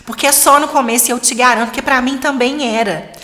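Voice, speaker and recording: A woman in her thirties with a Brazilian Portuguese accent leads a live-streamed lesson in a lively, coaxing tone. Her voice sits fairly high, and a long reverb trails after each phrase. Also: fairly quick. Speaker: English teacher for parents.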